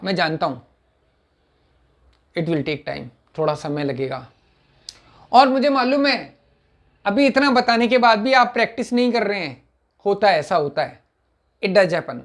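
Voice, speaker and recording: A middle-aged man teaches spoken English online, slowly repeating example sentences and clearing his throat now and then. His voice sits high.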